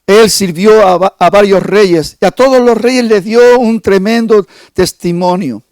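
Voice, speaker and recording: A man's voice: sits high, unhurried, a little mellow, no room sound, poor audio. A male pastor preaching a sermon, stressing key phrases emphatically.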